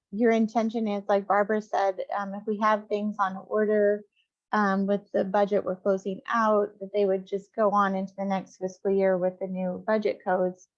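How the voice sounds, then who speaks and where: A woman on the acquisitions staff, speaking over a group video call in a work meeting and explaining her process step by step with frequent fillers. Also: medium pitch. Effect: heard over a group video call. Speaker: library acquisitions staff member. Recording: dull lo-fi video call audio.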